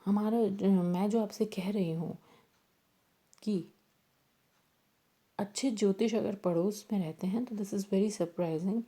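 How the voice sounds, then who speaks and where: A woman's voice: mid-range voice, racing, pauses often, warm tone, breathy edge. A woman teacher explaining a play script, mixing Hindi and English and rephrasing each line.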